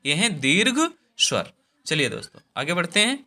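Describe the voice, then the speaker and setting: A man's voice: a little high, wildly swooping pitch, normal speed, pushed and bright. A man teaching a Hindi grammar lesson, repeating each point and drawing out the vowel sounds.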